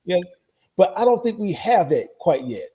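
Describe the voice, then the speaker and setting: A man's voice: sits high, big pitch swings, moderate pace, highs cut off, crowd noise. Laid-back male football stream host. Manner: laid-back, asks co-hosts questions. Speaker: livestream host. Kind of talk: casual football talk.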